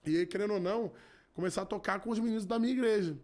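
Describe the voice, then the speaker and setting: This gospel musician from Rio de Janeiro, in his thirties, speaks as a podcast guest offering a heartfelt personal testimony in relaxed conversation. His high, slightly mellow voice races along as he keeps restarting and repeating himself.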